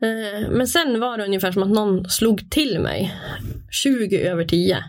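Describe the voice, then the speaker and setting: A young woman recounts a personal experience in a frank, casual way. Her pitch moves a lot, and there is a gravelly fry in her voice. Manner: candid, animated, frequent fillers. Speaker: interview guest.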